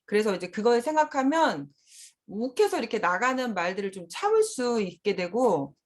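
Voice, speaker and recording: A woman's voice: on the high side, sing-song, moderate pace. A middle-aged woman speaking candidly at a seminar as a mother and school principal, often laughing while she talks. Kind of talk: conversational seminar talk.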